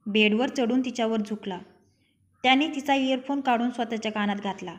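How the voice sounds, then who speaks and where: A woman's voice: a little high, a little fast. A young woman narrating her own written love story, reading every character's lines herself.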